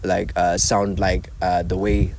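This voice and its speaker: Low-voiced South African man, hedging. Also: flat delivery, a crowd in the background. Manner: measured, often hedging with "I won't lie to you". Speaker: panelist. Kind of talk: casual panel discussion. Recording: loud background noise with clicks.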